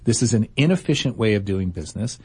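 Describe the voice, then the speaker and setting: A man's voice: fairly low pitch, expressive, fast, darkish tone, breathy edge. A male radio show host giving firm, opinionated business advice in a chatty talk-show style.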